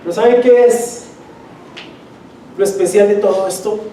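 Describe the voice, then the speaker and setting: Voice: medium pitch, moderate pace, mellow, a little hiss or hum. A preacher delivering a sermon with emphatic repetition and direct questions to the congregation. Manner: emphatic, repeats key phrases, asks the congregation direct questions. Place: church sanctuary. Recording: echoey church from a distance.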